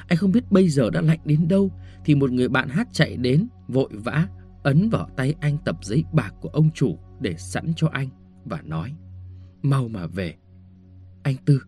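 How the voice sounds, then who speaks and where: Male audiobook narrator: lively, melodic delivery, warm mellow tone, faint music underneath. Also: medium pitch, slightly rough. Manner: expressive storytelling, shifting tone with the scene. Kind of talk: scripted story narration.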